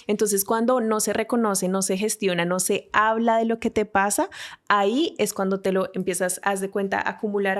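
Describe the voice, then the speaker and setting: A woman psychologist in a podcast conversation, explaining calmly and giving many small listening sounds. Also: mid-range voice.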